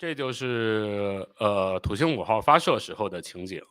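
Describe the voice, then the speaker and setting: A man's voice: lowish voice, expressive, fairly bright tone, no room sound, clean studio sound. Man explaining rocketry on a live stream. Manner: explanatory, with frequent filler pauses; apologetic and hurried while fixing playback. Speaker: channel host.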